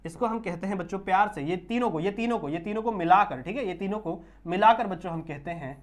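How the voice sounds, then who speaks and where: A man giving an online biology lecture. He keeps checking whether students understand, draws technical terms out slowly, and mixes English terms into his Hindi. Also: sits high. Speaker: biology teacher.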